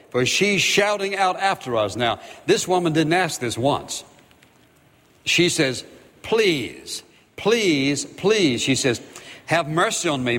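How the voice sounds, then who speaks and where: A man's voice: medium pitch, fairly bright tone, in a large hall. A man preaching a sermon with emphatic, repeated phrases, acting out the voices of people in the Bible.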